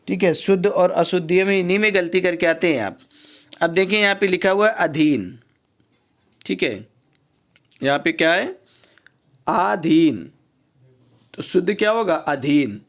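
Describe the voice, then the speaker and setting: A man tutoring Hindi spelling for an exam, repeating each wrong and right form in a patient, drilling way. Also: sits high. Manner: repetitive teacher, keeps saying "ठीक है" and contrasting wrong and right forms. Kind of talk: exam-prep lesson on spelling.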